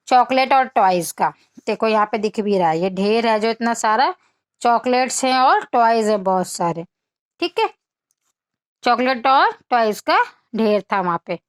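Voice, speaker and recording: A woman's voice: a little high, dry recording, clean studio sound. A woman teacher, telling a children's story as a lesson, asking questions and explaining phrases in Hindi. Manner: asks questions and answers them, explaining English in Hindi; reads English lines very slowly and deliberately.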